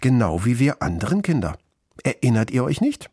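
A man voicing an eager little schoolgirl who begs sweetly and speaks up proudly, in a husky voice. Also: very animated, normal speed, no room sound, studio quality. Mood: cheerful. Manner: bright, begging, high voice.

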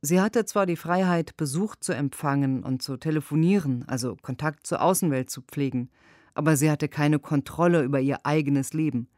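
A woman's voice: low-pitched, normal speed, a little mellow, no echo. Earnest female voice-over for a lawyer's answers, dry and close. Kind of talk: read translated interview answers.

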